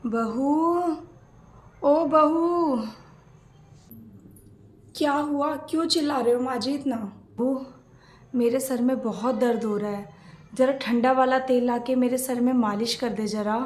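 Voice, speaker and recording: High-voiced woman acting a family skit. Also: fairly even intonation, normal speed, a little mellow, echoey room.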